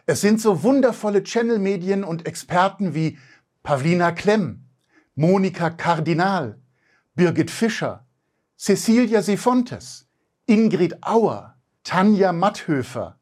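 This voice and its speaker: A man with a soft, gentle, inviting delivery, reading a scripted promotional voice-over for an online event. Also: sits high.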